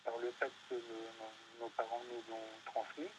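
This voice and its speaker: A man's voice: medium pitch, flat delivery, moderate pace, background noise. A man being interviewed, talking hesitantly with many fillers and restarts. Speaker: interview guest. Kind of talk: casual panel interview. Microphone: studio microphone.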